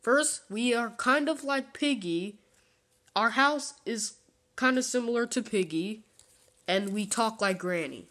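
A woman's voice: a little high, measured pace, fairly bright tone. Woman playing creepy elderly singsong Roblox killer. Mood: creepy, insistent. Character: creepy paper Roblox killer characters talking like a granny. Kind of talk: homemade toy puppet play.

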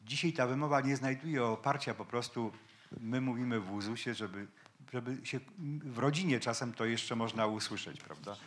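On a panel debate in an event hall with an audience, a linguist with a medium-pitched, fairly bright voice explains his points at a moderate pace in a lecturing way. There is slight background noise.

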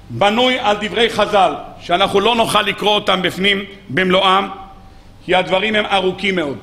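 A rabbi preaches a weekly sermon in a high, bright voice. He tells the story animatedly and keeps putting questions to his listeners. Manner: animated storytelling, acting out quoted speakers; rhetorical questions to the audience.

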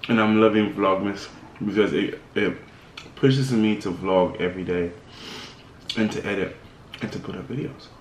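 Man talking while eating, low voice, roomy echo, faint background hum. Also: normal speed. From Caribbean. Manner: relaxed, rambling, with food murmurs. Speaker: vlogger and DJ. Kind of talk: casual mukbang vlog chat.

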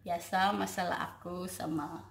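Eine junge Frau aus Indonesien mit indonesischem Akzent, die als Familien-Vloggerin fröhlich und singend mit ihrem Kleinkind in die Handykamera plaudert. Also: female voice, on the low side, flat delivery, normal speed, creaky, fairly bright tone. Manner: cheerful sing-song baby talk with her toddler. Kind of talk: casual chat to camera. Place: living room, on a sofa. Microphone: phone camera at arm's length. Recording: echoey living room.

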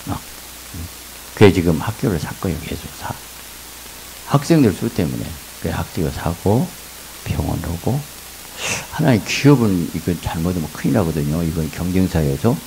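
A male pastor preaching a sermon at a revival meeting, animated, with loud laughing exclamations. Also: low voice, vocal fry, a little hiss or hum, poor audio. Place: church revival meeting hall.

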